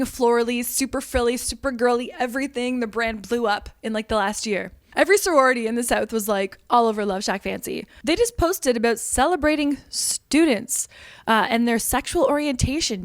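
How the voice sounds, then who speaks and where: High-pitched woman doing a sarcastic comedy rant, swearing a lot, dry close sound. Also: dry recording. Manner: sarcastic, exasperated, swearing freely; loud outbursts and rhetorical questions. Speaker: comedian and show host.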